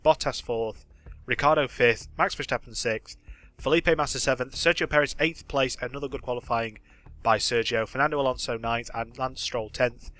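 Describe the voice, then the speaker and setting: A man's voice: mid-range voice, bright, forceful tone, dry recording. A young man casually commenting on a racing management game, chatty and thinking aloud with plenty of fillers. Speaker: gaming channel host.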